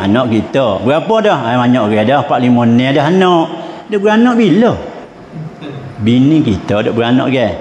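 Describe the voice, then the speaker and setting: A man's voice: mid-range voice, a little mellow, a little hiss or hum. A man with a Pattani Malay accent giving a humorous Islamic lecture, telling anecdotes and chuckling often. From southern Thailand. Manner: anecdotal storytelling with frequent chuckles. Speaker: Islamic religious teacher. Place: mosque hall. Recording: echoey mosque hall.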